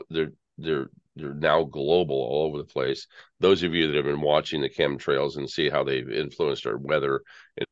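A man's voice: a bass voice, no echo. An American man giving conversational political commentary as an interview guest, in an earnest, rambling, conspiratorial rant. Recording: dull lo-fi audio.

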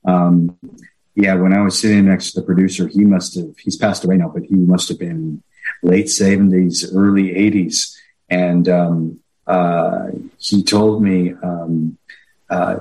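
A man speaking as an interview guest, talking casually with many pauses and fillers. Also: low-pitched, a little mellow, low-quality recording.

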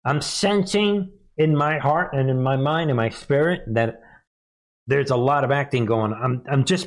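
A man hosting a live news commentary stream, reading viewer comments and posts aloud in a hesitant, rambling way full of rhetorical questions. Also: mid-range voice. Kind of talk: casual livestream commentary, reading chat and posts.

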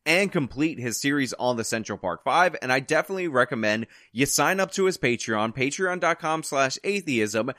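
Male commentary host, opinionated and chatty, mid-pitched, dry close-miked sound. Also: lively intonation, moderate pace, hardly any pauses, pushed and bright, no echo. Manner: conversational, opinionated asides. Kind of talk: casual news commentary to camera.

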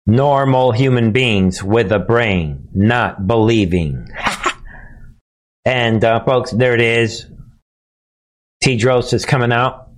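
A man hosting an informal political commentary, ranting to his followers in a conspiratorial, alarmist and mocking manner, in halting, broken phrases. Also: medium pitch, slight background noise. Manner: mocking, sarcastic, chuckling asides. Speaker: host of a political commentary show. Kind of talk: informal monologue news commentary.

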